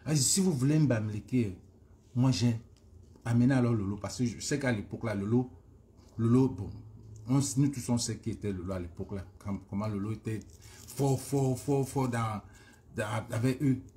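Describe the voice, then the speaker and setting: A man with a Cameroonian accent rants informally on a live stream as a social media commentator. He is emphatic, hammering the same phrases again and again, in a mid-range, dark-toned voice at a moderate pace.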